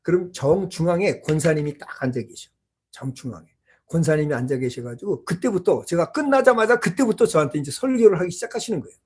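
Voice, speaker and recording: A pastor preaching a sermon in a small church, telling a personal story and swinging between loud exclamations and hushed asides. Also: medium pitch, expressive, fast talker, husky.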